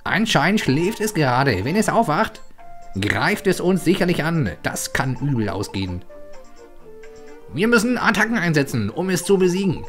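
Game sidekick: chirpy, bossy male creature guide, bright and lively as a man puts him on. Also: on the high side, moderate pace, faint music behind, pitched above the performer's own voice. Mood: eager. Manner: cheerful, instructive.

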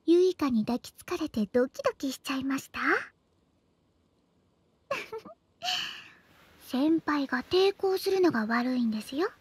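A woman's voice: high-pitched, animated, brisk, darkish tone. An actress playing a teasing, clingy schoolgirl in love, in sweet, intimate pillow talk for an audio drama. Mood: smug, affectionate. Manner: sweet, coaxing pillow talk with whispered asides.

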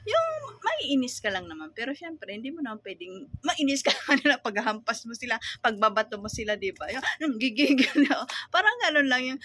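A woman with a Filipino accent, running a small store and ranting about customers in a casual vlog, animated and laughing often. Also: on the high side, brisk. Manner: animated, laughing, mock-growling. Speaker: sari-sari store owner vlogger.

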